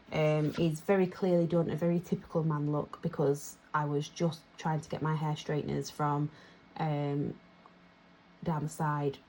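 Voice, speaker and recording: Counting and sorting her cash, a young vlogger from the United Kingdom rambles chattily and laughs at herself. She has a deep voice, and slight background noise can be heard.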